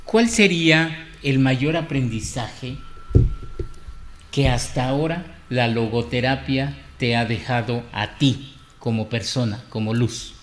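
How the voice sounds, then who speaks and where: A man's voice: medium pitch, slow pace, a little hiss or hum. A man hosting an interview, affirming the guest and reading out reflections before his questions. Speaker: interview host.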